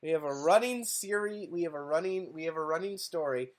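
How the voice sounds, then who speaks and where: A man's voice: fairly high pitch, fairly quick. A man co-hosting a podcast in casual chat, hesitant and full of ums and you-knows. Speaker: podcast co-host.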